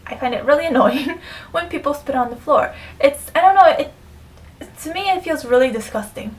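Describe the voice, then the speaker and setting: Young female vlogger, casual filler-heavy chat, slightly raised pitch, mic set back with a faint hiss. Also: animated, a little fast, distant mic, low-quality recording. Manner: chatty, many fillers, drops to near whisper.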